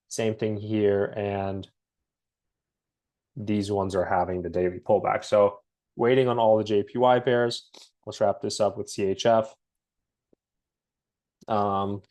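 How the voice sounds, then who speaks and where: A man with a cold and a slightly raspy voice, casually talking through a trading market breakdown with many pauses and restarts. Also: lowish voice. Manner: relaxed, halting, many ums and restarts. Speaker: forex trading analyst.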